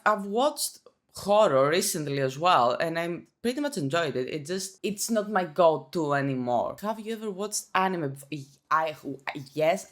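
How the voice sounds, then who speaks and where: Here a young YouTuber from Greece, speaking with a Greek accent, chats through viewer questions in a relaxed Q&A vlog. Her voice is medium in pitch and a little bright. She sounds self-conscious and talkative, frequently restarting what she says and leaning on fillers.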